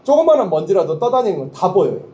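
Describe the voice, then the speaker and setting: A man's voice: high-pitched, fast talker. A man preaching to students at a Bible school, asking rhetorical questions and having his listeners repeat lines after him. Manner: leads call-and-response, has listeners repeat lines; lively, emphatic teaching with rhetorical questions. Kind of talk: sermon to students.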